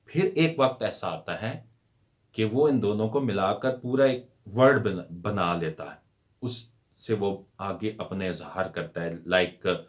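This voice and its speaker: A man gives an unhurried lesson, his voice sitting fairly low. He takes his time, repeating words one by one and dropping English terms into his explanation. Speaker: English teacher.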